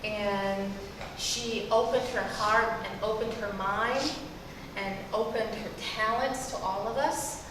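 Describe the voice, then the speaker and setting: Measured woman in a reverberant hall. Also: mid-range voice, steady tone. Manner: measured, praising, deliberate. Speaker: consultant to the director. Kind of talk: panel remarks. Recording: distant reverberant hall with noise.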